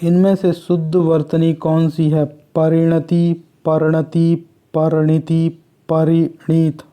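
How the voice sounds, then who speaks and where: A man from Uttarakhand reading Hindi exam quiz questions and their answers in a slow, measured way, like reading off a list. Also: a little high, monotone, warm tone, clean tone. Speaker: exam prep teacher.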